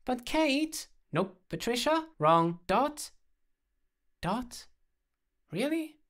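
A man voicing a puppy as a high, pleading little child in a storybook reading. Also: sing-song, extremely slow, fairly bright tone, exaggerated voice. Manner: squeaky, wheedling, childish.

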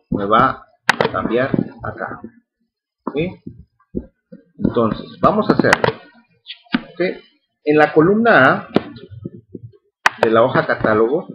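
Patient male teacher, slightly dull recording. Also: mid-range voice. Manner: patient, repeats steps, checks in with "ok". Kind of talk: screen-recorded spreadsheet tutorial.

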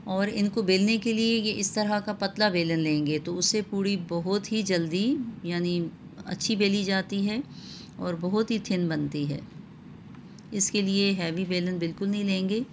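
A woman hosting a home cooking tutorial, explaining each step calmly with frequent pauses and filler sounds. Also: lowish voice, noisy background. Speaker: cooking channel host.

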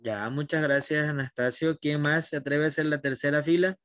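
Profesor de voz algo aguda en clase virtual. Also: male voice, on the high side, steady tone, fairly quick, a bit bright, no echo, clean studio sound. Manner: patient, guiding students by name. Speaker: teacher. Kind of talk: online class teaching.

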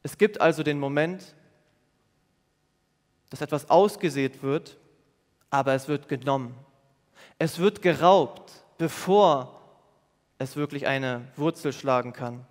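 A man delivers a sermon to a youth congregation in a church hall, his slightly high voice earnest and patient as he explains and repeats his points. He speaks slowly and pauses often, and a long reverb trails each phrase.

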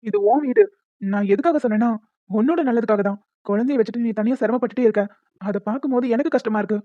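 A woman's voice: fairly high pitch, quick pace, no echo, lo-fi sound, natural voice. A woman voicing a persuasive, playful young brother-in-law in a cartoon. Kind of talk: cartoon voice acting.

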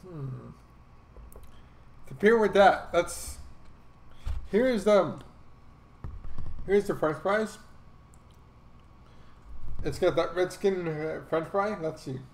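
Male food vlogger, higher voice, unhurried tasting commentary, echoey room. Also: a little mellow, a little hiss or hum. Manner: unhurried, pausing between bites, murmuring while tasting. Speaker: food reviewer. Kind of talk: casual food review vlog.

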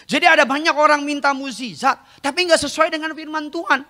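A man's voice: very high voice, fairly even intonation, brisk, sharp tone. A middle-aged male pastor preaching a humorous sermon in a church, joking and acting out the voices of his congregants. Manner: jokey, acts out congregants' voices.

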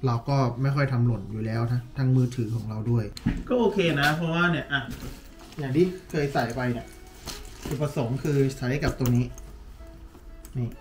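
A man in a relaxed, chatty unboxing vlog, thinking out loud and filling pauses as he handles the product. His voice sits at an ordinary middle pitch. Faint music plays underneath. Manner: relaxed, chatty, thinking aloud with many fillers. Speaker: vlogger reviewing a tablet case. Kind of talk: casual unboxing talk.

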